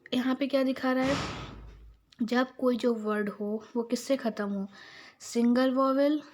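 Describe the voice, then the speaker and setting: An Indian woman teaching English grammar to schoolchildren, her voice a little high. She reads each spelling rule aloud slowly, then unpacks it in Hindi. She keeps checking in with "theek hai" as she goes. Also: fairly even intonation, a little mellow. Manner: frequent "theek hai" check-ins, addresses students as "beta". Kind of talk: grammar lesson.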